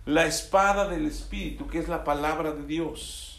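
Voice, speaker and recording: Preaching a sermon in an echoey room, a man with a high-leaning, creaky, fairly bright voice speaks at normal speed. He keeps asking the congregation "¿sí?" to get a yes from them as he goes.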